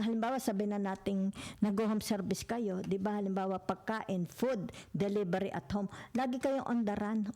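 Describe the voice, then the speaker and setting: A woman with a Filipino accent giving a relaxed tarot reading to her viewers. She talks in a chatty, conversational way, mixing Tagalog and English and tagging her points with little check-ins like "okay?" and "di ba?". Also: medium pitch. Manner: chatty, peppered with "okay?", "di ba?" and "yan"; mixes Tagalog and English freely. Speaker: tarot reader.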